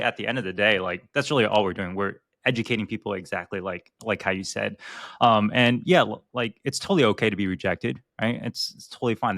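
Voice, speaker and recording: A young man co-hosting a casual podcast on physical therapy, relaxed and full of fillers like "like". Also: lowish voice, no echo, studio quality. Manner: relaxed, filler-heavy, lots of "like" and "right?". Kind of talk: casual business podcast chat.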